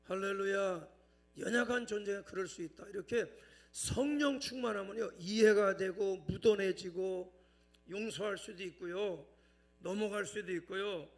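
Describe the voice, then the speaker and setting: A middle-aged man preaching a sermon in a high, gravelly voice. He works his congregation with calls for amen and hallelujah. He drops into a chatty storytelling tone to spin a humorous tale. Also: moderate pace. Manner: tells a humorous anecdote in a lowered, chatty tone. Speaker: pastor.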